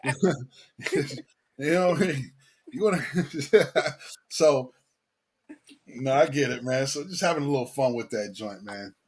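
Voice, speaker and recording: Husky, laid-back man in casual chat. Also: medium pitch, measured pace, pauses often. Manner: slangy, laid-back, repeats phrases.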